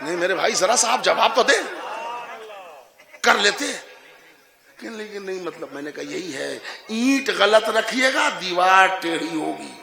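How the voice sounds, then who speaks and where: A man from Bihar, India delivering a sermon to a gathering, teasing the audience with questions and rising to emphatic shouts. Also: high-pitched, animated, vocal fry, some chatter behind. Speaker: Shia cleric delivering a majlis sermon. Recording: echoey hall.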